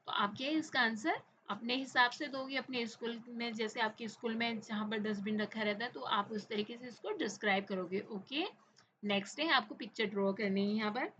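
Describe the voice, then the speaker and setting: A woman teacher with an Indian accent walks children through a textbook chapter. She has a bright, fairly high voice, reads the English lines slowly, then explains them quickly, mixing English and Hindi. The recording sounds slightly dull, with faint hiss behind her.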